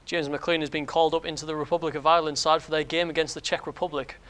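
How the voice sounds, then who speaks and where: A male sports presenter reads scripted news at a quick clip. His voice is a touch high, and he slips over a word now and then. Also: flat delivery, a bit bright, clean tone. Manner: brisk read, occasional slips.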